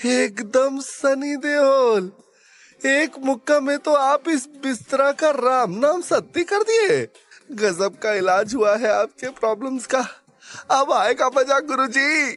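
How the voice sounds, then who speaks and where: A man voicing a nervous, flattering young sidekick with a Bihari accent, stammering and chatty in an audio drama. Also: extremely high pitch, slow pace, pitched above the performer's own voice, full character voice. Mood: excited.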